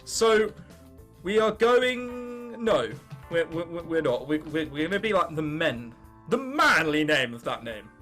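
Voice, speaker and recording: A 19-year-old Englishman hosts a gaming video, offering casual, sarcastic commentary full of self-mocking bravado and casual swearing, sometimes reading on-screen text aloud. His voice is slightly high, sing-song and a bit bright, delivered at a measured pace with faint music in the background.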